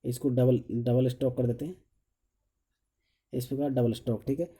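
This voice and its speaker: Teaching an engineering drawing lesson as he draws, a man walks through each step, counts the lines aloud, tacks "okay" onto nearly every step, and poses questions to himself that he then answers. His mid-range voice is mellow and slightly rough, with a level tone and moderate pace.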